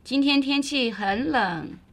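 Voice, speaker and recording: A woman giving short, clear model answers in a scripted language lesson. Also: high voice, expressive, takes it slowly. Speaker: Chinese lesson reader.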